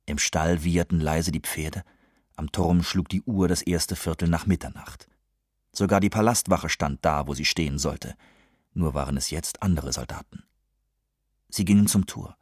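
A man reading a fantasy story aloud in calm, measured narration, close to the mic. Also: sits low, husky, dry recording. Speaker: audiobook narrator. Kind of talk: scripted audiobook narration. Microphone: close studio mic.

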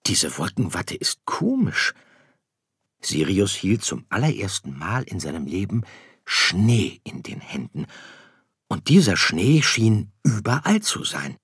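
A man reading a children's story aloud in a slow, expressive, soft-voiced way. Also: on the low side, breathy edge, dry recording, clean studio sound. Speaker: narrator.

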